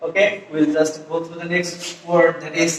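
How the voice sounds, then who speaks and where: High-voiced man teaching pronunciation, echoey. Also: level tone, recorded from a distance. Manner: repeats model words slowly, asks rhetorical questions. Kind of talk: pronunciation lesson. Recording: very echoey room with reverb, faint noise.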